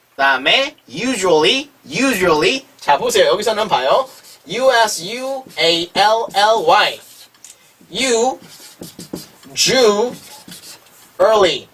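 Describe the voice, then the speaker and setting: A man teaches phonics in a slow, drawn-out way, breaking each word into its sounds. His voice sits high and swings widely in pitch. It has a slightly husky grain and sounds a little distant from the microphone. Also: a bit bright. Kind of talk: online language lesson.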